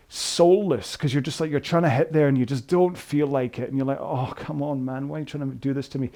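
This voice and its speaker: A man's voice: mid-range voice, mellow. A man hosting a rowing workout, chatting to viewers in a rambling, self-deprecating way. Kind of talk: casual chat to viewers.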